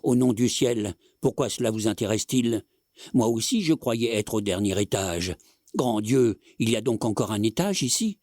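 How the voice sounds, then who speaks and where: Give me a man playing a panicky, pleading gentleman from a storybook, low-voiced and dry. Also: lively intonation, moderate pace, no echo. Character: flustered middle-aged gentleman, pleading and timid.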